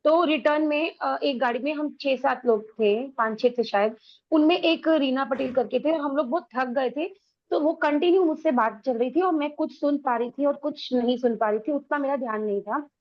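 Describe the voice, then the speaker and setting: A woman in the class sharing a casual personal story in a chatty, relaxed way. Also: high-pitched, normal speed, dull audio. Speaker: class participant.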